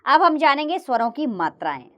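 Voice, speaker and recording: Woman teaching children in a lively sing-song voice. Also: high voice, highs cut off. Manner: slow, clear recitation of letters with lively sing-song rises and falls. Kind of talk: children's grammar lesson narration.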